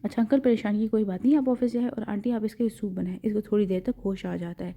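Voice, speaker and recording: A woman's voice: medium pitch, fairly even intonation, warm tone, lightly acted. A woman reading the lines of an anxious, tender young male doctor in an audio novel, in an urgent yet soothing way. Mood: reassuring. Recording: dull lo-fi.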